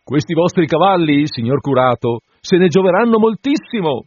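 A sly, fawning parish clerk with a high, giggling voice, as a male reader puts him on. He flatters in sing-song swoops well above the reader's own pitch. The recording is dull and dry. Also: normal speed, breathy edge, no room sound.

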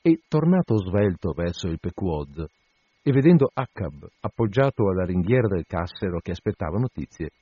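A man narrating a classic novel as an expressive audiobook reading. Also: lowish voice, breathy edge, no room sound. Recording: dull lo-fi dry recording.

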